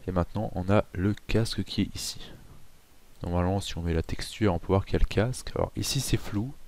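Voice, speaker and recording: A man hosting a casual software tutorial, chatty with self-mocking asides and frequent hesitations. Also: low-pitched, brisk. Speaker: tutorial host.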